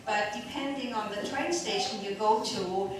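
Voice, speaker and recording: Captured by a distant mic in a noisy, very echoey room, a woman panel speaker shares an informal anecdote, her phrasing hesitant and piecemeal. She talks at a moderate pace with a medium-pitched voice.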